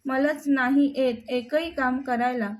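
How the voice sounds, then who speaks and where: A woman voicing a timid, tearful young wife who pleads softly. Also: high-pitched, fairly even intonation, a little slow. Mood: pleading.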